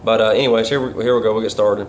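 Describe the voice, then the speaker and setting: A man's voice: lowish voice, fairly even intonation, very fast. A man talking casually and instructionally in a folksy, rambling way with colloquial grammar. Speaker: duck calling instructor and caller. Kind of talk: casual instructional vlog talk. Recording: clear background noise.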